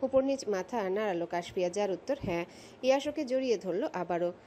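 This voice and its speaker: A woman narrating a romantic audio story in a steady, expressive storytelling voice. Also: medium pitch, a little fast, faint music behind.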